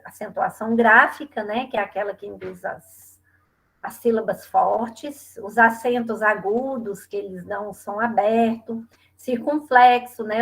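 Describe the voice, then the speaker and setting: A middle-aged woman with a Brazilian Portuguese accent, teaching an online class and explaining step by step, often checking in with a quick tag question. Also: medium pitch.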